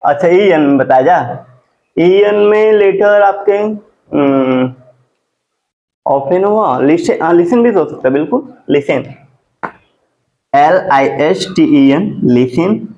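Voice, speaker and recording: A man teaching a classroom grammar lesson. He asks his students questions and answers them himself, and he spells words out slowly. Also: fairly high pitch, lively intonation, a little mellow. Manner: drawn-out slow spelling of words. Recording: dull lo-fi classroom recording.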